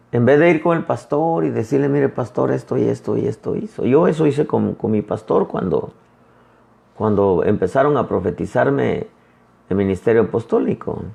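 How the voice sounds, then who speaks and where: Guy preaching, gravelly voice, really lively up and down, chatty, keeps saying brother. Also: medium pitch. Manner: conversational preaching, addresses listeners as brother; retells dialogues in lively quoted voices. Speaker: pastor. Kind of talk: sermon.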